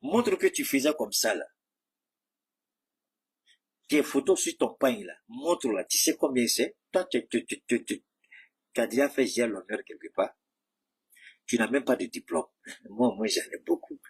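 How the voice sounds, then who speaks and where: A man's voice: mid-range voice, expressive, unhurried, pauses often, husky. A man giving a heated, mocking political commentary, speaking straight at his rivals. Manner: mocking, combative, addresses rivals directly.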